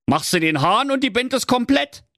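A man's voice: very high-pitched, big pitch swings, moderate pace, pushed and bright, no room sound, studio quality, pitched above the performer's own voice, full character voice. A man voicing a grumpy, bossy male donkey with a Berlin accent in a comic audiobook. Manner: bossy, blustering, Berlin slang. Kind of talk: audiobook fairy-tale parody.

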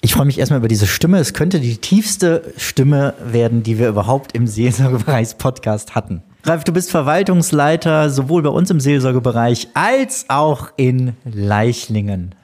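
Guy hosting an interview podcast, soft dark mellow tone, medium pitch. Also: expressive, moderate pace, few pauses.

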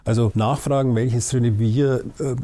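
A police investigator calmly explaining fraud cases in factual terms. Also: male voice, medium pitch. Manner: measured, factual. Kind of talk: expert explanation in a talk show.

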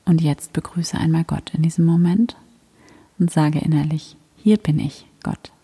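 A woman guiding a prayer meditation in a soft, breathy whisper, gentle and soothing. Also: low voice, normal speed.

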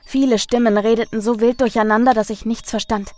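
A woman hosting a podcast, reading a listener's horror story in a measured, dramatic narration. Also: fairly high pitch, steady tone, darkish tone, no room sound. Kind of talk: scripted narration.

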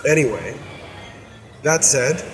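An American man whose voice is hoarse and nearly lost, chatting casually as co-host of a car podcast. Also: medium pitch, animated, slow pace. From United States. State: hoarse, losing his voice. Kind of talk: casual car show discussion. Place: indoors at an auto show stand. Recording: clearly noisy auto show floor.

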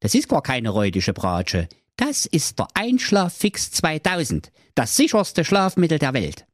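A man's voice: a little high, wildly swooping pitch, unhurried, dry recording, studio quality, pitched above the performer's own voice, heavily acted. A man doing a smug, cocky young prince. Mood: confident. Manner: smug, mock-formal.

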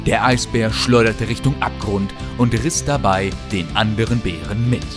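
A man's voice: on the low side, moderate pace, over music. A man narrating a children's adventure audiobook in a dramatic storytelling manner.

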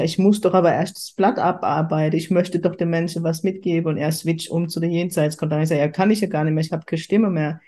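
With a fairly low, mellow voice, a podcast host and spiritual medium from Kurpfalz in southwest Germany talks spontaneously and casually. Her style is effusive and full of exclamations.

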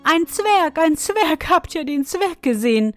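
A woman voicing a crowd of excited male servants who shout. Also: sits high, moderate pace, soft background music, pitched above the performer's own voice.

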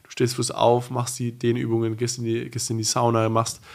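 A man's voice: medium pitch, monotone, fairly quick, creaky, darkish tone. A young man, a pro racer as a guest, chatting casually with many restarts, fillers and emphatic bursts. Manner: rambling, frequent restarts and fillers. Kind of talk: casual podcast chat.

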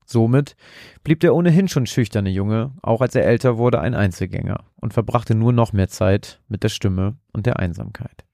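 A man reading a scripted horror story in a measured, dramatic way. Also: fairly low pitch, vocal fry, mellow, dry recording, clean studio sound.

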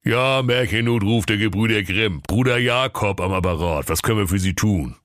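A man voicing a lazy, mocking male fairy-tale brother who works a help hotline, sarcastic and high-pitched. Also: normal speed, a bit bright, no room sound, studio quality, lightly acted.

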